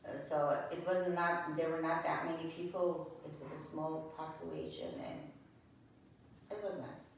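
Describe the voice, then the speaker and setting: A Lebanese woman in her sixties, with a deep voice and measured pace, answers oral history interview questions plainly and hesitantly. The recording comes from an echoey room with a distant mic and faint noise.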